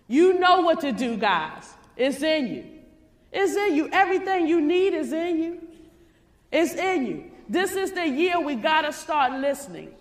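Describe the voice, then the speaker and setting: A woman from Maryland giving a fervent motivational stage speech, preachy and rising to shouts. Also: high-pitched. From Maryland, USA. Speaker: motivational speaker. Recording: hall reverb.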